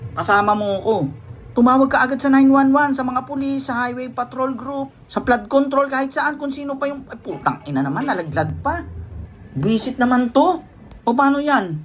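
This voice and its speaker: A woman giving comic voice-over commentary on a video, excitable and bossy, swearing and talking straight to the people on screen. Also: medium pitch, slight background noise. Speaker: reaction commentator.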